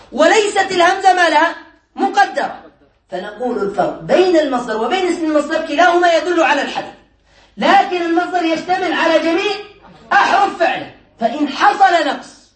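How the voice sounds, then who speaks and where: Male sheikh, classroom teacher; high voice, teasing quizmaster, recorded far off in an echoey room. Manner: quizzes students, teasing and playful. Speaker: sheikh teaching Arabic grammar. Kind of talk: classroom lesson. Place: classroom with students.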